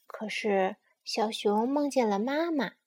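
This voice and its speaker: A woman reading a bedtime story aloud to a child in a slow, gentle manner. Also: fairly high pitch.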